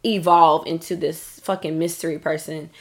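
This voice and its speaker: A woman's voice: sits low, steady tone, normal speed. Profane, emphatic woman telling a story. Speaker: podcast co-host. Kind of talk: candid casual podcast chat. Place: Dallas.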